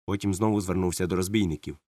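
A man narrating an audiobook in a measured, dramatic way. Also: sits low, steady tone, warm tone, no echo, clean studio sound. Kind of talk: scripted narration.

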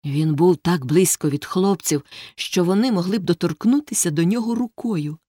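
Female audiobook narrator, steady and suspenseful, dry close sound. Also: on the low side, no echo. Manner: measured, suspenseful reading. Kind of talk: scripted story narration.

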